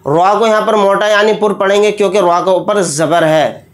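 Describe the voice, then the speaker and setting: A man teaching Quran recitation rules, explaining each sound slowly and deliberately, then chanting the verses in long drawn-out tones. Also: high-pitched, steady tone. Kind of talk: tajweed lesson. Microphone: close mic, speaking while pointing with a pen.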